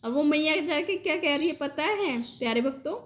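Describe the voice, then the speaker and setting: A woman's voice: high-pitched, lively intonation, moderate pace. A woman earnestly retelling a devotional dream to her followers in a rambling, heartfelt, casual way. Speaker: devotional storyteller.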